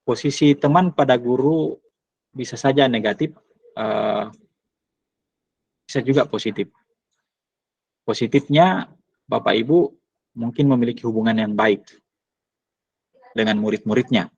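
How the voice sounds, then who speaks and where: A man presenting to teachers, speaking hesitantly with many pauses and fillers. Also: medium pitch, creaky, darkish tone, slightly rough, no room sound. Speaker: teacher trainer. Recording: dull lo-fi recording.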